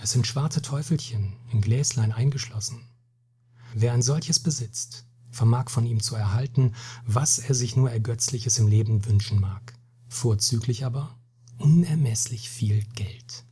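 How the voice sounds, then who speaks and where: A man voicing a weary, hot-tempered Spanish captain in a read-aloud story, solemn and weighty, with a very breathy, husky voice. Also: medium pitch, a little slow, mellow. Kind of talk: storybook reading.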